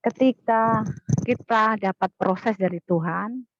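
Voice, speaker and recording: A woman in an online class telling a personal testimony in an earnest, halting way, often repeating herself, over a video call. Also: mid-range voice, no echo, lo-fi sound.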